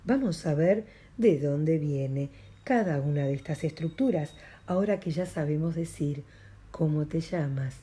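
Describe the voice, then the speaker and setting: A woman's voice: sits low, unhurried, dark tone, husky. A middle-aged woman with an Argentine Spanish accent, a language teacher patiently repeating phrases in a recorded lesson.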